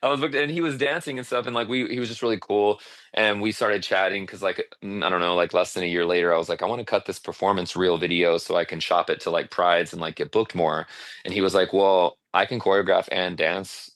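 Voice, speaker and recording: A man from Arizona, a singer-songwriter guest, chatting casually in an interview and telling animated stories full of fillers. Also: sits low, brisk, no room sound. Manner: animated storyteller, many fillers, laughs often.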